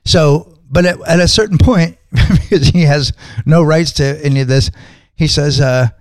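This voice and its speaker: Man, somewhat high voice, rambling casual chat, dry close recording. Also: normal speed, a little mellow, no room sound. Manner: rambling, restarts, frequent "right". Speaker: podcast co-host.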